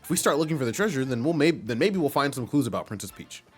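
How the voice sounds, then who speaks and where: A man voicing a perky young female goomba student in a bubbly, excitable way. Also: medium pitch, fast, husky, soft background music, pitched above the performer's own voice. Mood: excited.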